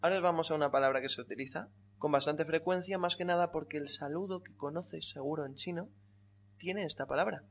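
A man's voice: fairly high pitch, vocal fry, fairly bright tone, muffled recording. A man teaching Chinese in a one-on-one lesson, patiently explaining and drilling tones. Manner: patient, repeats tones slowly and drills pronunciation.

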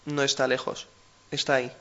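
A man's voice: mid-range voice, level tone, fairly quick, a bit bright, muffled recording. A man with a Spain Spanish accent co-hosting a language lesson, explaining patiently with everyday examples. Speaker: language teacher co-host.

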